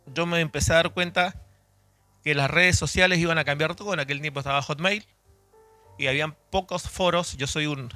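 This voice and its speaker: A man's voice: on the high side, fairly quick, pushed and bright, no echo, faint music behind. A man in his forties from Chile, raised in Argentina, gives a conversational doctrinal teaching at church and restarts and corrects himself as he talks. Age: 40s. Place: church hall.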